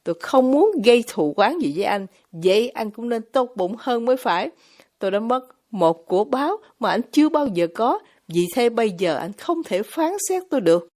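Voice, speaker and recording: A woman's voice: on the high side, big pitch swings, normal speed, darkish tone. Woman reading as an earnest, devout young man. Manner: earnest, firm, heartfelt. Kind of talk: audiobook character reading.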